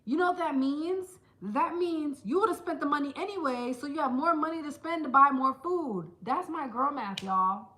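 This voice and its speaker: A woman vlogger chatting casually to camera, telling stories in an animated way and putting on quick voices for the people she quotes. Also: sits high, echoey room, rough recording. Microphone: small handheld camera.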